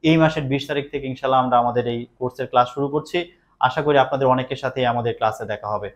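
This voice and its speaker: A man's voice: mid-range voice, fast talker. A man, a young adult teacher, earnestly promoting his course in a casual spoken way, reassuring and hesitating often.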